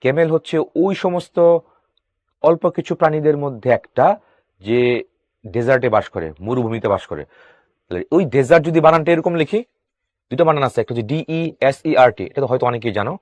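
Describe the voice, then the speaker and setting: A man teaching English for exams, asking his students quick questions and answering them himself. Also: fairly high pitch, lively intonation, dry recording. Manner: reads English sentences slowly, then explains. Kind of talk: exam-prep grammar lesson.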